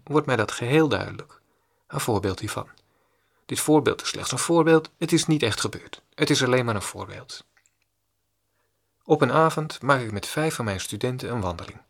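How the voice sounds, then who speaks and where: Male meditation teacher, gravelly mid-range voice, deliberate and repetitive delivery. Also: medium pitch. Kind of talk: read-aloud spiritual discourse.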